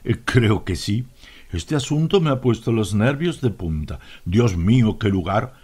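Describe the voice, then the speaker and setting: Brief: curt, disapproving official in an audiobook, husky voice, Latin American Spanish accent, voiced by a man. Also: on the low side, lively intonation, measured pace, darkish tone. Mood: stern. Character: stern, suspicious male inspector, Garrett.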